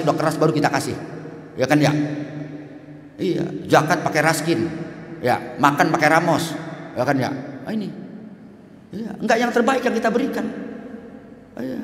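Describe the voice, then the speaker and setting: High-voiced man preaching in echoey mosque. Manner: lively storytelling, asks listeners "ya kan, ya?". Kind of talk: dawn mosque sermon.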